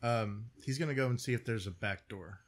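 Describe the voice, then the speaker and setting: A man's voice: lowish voice, a little fast. A man playing at the game table, talking hesitantly with many ums. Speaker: player. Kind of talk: casual chat at the game table.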